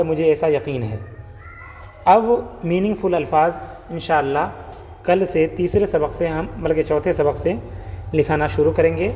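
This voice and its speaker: A man's voice: fairly high pitch, mellow. Patient man teaching in a reverberant room. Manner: slow, patient, repeats each sound aloud. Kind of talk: step-by-step writing lesson.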